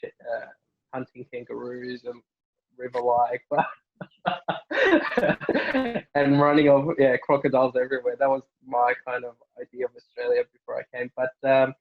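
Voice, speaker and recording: A young Norwegian family doctor, a native speaker of Norwegian, answers interview questions in a relaxed way, with plenty of fillers and restarts. His mid-range voice is unhurried and pauses often, and the audio sounds dull.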